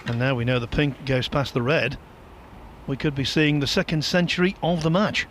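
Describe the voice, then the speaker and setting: A man's voice: medium pitch, fairly even intonation, moderate pace, fairly bright tone. A man giving live commentary on a snooker match. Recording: light background noise.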